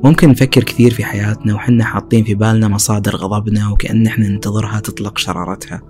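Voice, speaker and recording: A man narrating a podcast in a scripted, measured and reflective delivery. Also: on the low side, steady tone, darkish tone, faint music behind.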